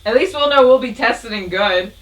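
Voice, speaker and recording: A man's voice: extremely high pitch, moderate pace, fairly bright tone. A tired American man co-hosting a podcast, playful, laughing and swearing in casual banter. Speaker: podcast co-host.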